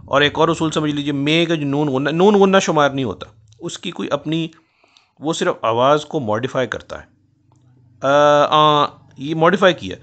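A man teaching a lesson on poetic meter, explaining patiently and slowly chanting out syllables as he scans lines. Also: a little high, fairly bright tone. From South Asia. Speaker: Urdu poetry teacher.

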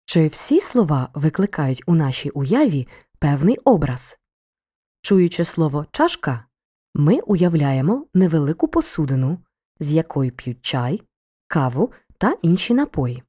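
A woman narrating a scripted school lesson for children, explaining each point in a clear, measured way. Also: low voice, big pitch swings, warm tone. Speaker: teacher.

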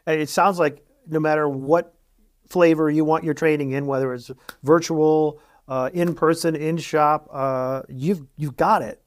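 A man's voice: a little high, steady tone, measured pace, dry recording. Upbeat middle-aged man hosting an interview. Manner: upbeat, enthusiastic reactions. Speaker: podcast host. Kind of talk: studio interview questions. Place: podcast studio set.

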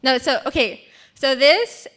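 A woman's voice: high-pitched, unhurried. A woman in her twenties, from Switzerland and raised in Singapore, giving a friendly talk in a church hall. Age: 20s. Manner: friendly, relaxed, laughs easily. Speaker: guest speaker. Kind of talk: church talk about mission work. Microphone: stand mic.

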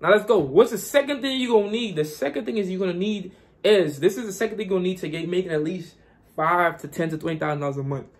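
Young Guyana-born guy, high voice, pumped-up repetitive money-advice vlogger. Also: fast. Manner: repetitive, hyped, preachy. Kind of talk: casual motivational vlog.

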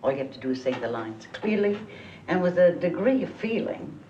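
An actress playing a weary, patient playwright who speaks slowly and deliberately. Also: female voice, on the low side, big pitch swings, dark tone, muffled recording. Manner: slow and deliberate, coaxing. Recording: roomy, distant film audio with faint hiss.

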